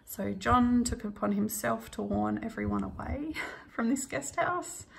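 A woman vlogger casually telling a travel story while she stitches at home, laughing often and filling pauses with ums. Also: fairly high pitch, gravelly.

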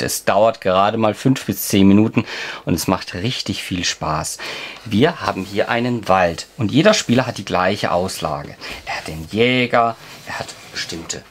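A deep-voiced father who hosts a family board game channel explains a game casually while playing through it with a child, encouraging and playful like a dad hosting. They're at a table at home, and the room is clearly noisy with clicking game pieces.

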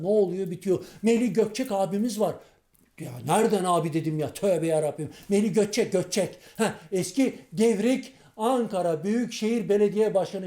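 A man's voice: high voice, warm tone, echoey room, natural voice. A man playing a muddled, indignant man-on-the-street in a comic monologue, rambling, tripping over his words and scolding as he goes. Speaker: comedian playing a street character.

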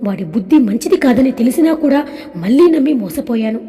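A woman's voice: a little high, expressive, fairly quick, warm tone, long reverb tail, close to an everyday voice. A woman voicing a wronged young wife who pleads with her father-in-law in a tearful tone. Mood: regretful. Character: grieving young wife, hurt but composed.

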